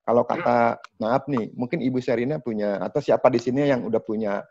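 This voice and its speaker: A man running an online sales training from home, explaining in a lively, chatty way and talking straight to the participants. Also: medium pitch, fairly quick. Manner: lively, chatty, addresses participants as Bapak Ibu. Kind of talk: online training talk over video call. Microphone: video call. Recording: dull, dry video-call audio.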